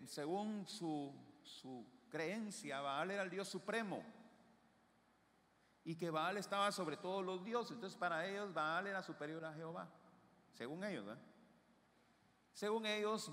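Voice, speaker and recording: Fervent preacher, echoing. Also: male voice, a little high. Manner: emphatic preaching, swinging between hushed asides and raised declarations. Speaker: pastor. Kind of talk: sermon. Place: church sanctuary. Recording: long church reverb.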